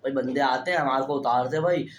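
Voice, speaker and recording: A man's voice: medium pitch, fast talker, a little hiss or hum. A young man telling a story to camera as a vlogger, chatty and constantly calling his viewers brother. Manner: stands talking straight to camera. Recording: roomy echo.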